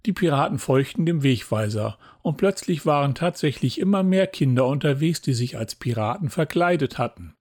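A man narrating a children's story with a lively, expressive reading style. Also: a little high, normal speed, hardly any pauses.

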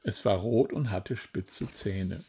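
A man reading a children's storybook aloud in a gentle, even manner. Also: on the low side, takes it slowly, slightly rough. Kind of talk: scripted storybook narration.

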